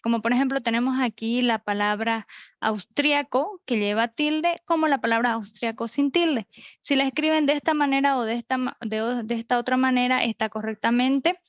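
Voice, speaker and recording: Online teacher, woman, higher voice, slightly dull lo-fi mic, methodical. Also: fairly even intonation, fairly quick, no echo. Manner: explains rules step by step with examples. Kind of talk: online class lecture. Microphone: computer mic.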